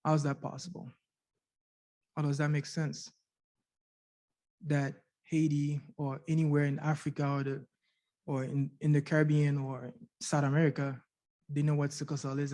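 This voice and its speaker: A middle-aged Canadian man with a mellow, higher-leaning voice gives an earnest personal testimony in a university conference room. Sharing his story as a patient, he repeats words and poses rhetorical questions.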